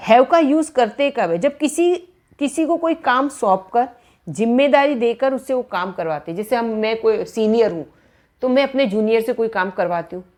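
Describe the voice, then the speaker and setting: A woman in giving a grammar lecture, slowly repeating each example word by word. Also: fairly high pitch, animated, darkish tone. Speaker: English grammar teacher. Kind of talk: classroom-style lecture in Hindi.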